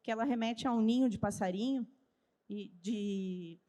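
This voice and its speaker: At a trade fair, a woman speaks in a fairly high, warm voice at normal speed, her accent southern Brazilian gaúcho. Her teaching-style talk has her posing questions and answering them herself. The large event hall, full of a live audience, gives the recording a long reverb.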